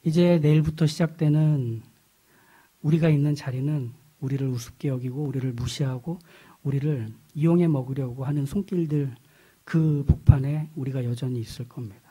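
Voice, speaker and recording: A man pastor preaching a sermon in an earnest way, building to emphatic peaks and then dropping soft. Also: mid-range voice, moderate pace, breathy edge.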